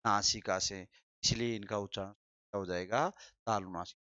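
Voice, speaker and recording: A man with a lowish, steady, sharp-edged voice gives a Hindi grammar lesson, going over key terms again and testing his audience. His delivery is unhurried and stretched out. The sound is dry and somewhat dull.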